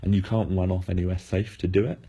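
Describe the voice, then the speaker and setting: A man's voice: sits low, flat delivery, quick pace, warm tone, husky. A man losing his voice, giving analytical game preview commentary with frequent fillers and restarts.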